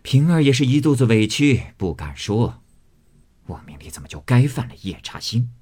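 A man voicing a drunken young nobleman who grumbles in a low mutter. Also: sing-song, moderate pace, a little mellow, slightly rough. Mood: sulky grumbling.

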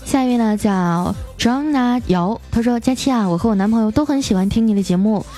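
A woman's voice: a little high, brisk, dark tone, faint music behind. A woman hosting a radio joke show, reading listener jokes aloud with playful, laughing asides.

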